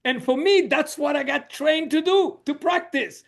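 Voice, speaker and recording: A middle-aged Swiss man, a social coach appearing as a guest on a conversational podcast, tells his story reflectively and says "you know" often. His voice is extremely high, a little slow, and gravelly.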